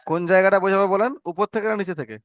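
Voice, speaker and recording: A man teaching an Arabic reading lesson, slowly drilling letters and syllables in call and response. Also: sits high, no echo, dull audio.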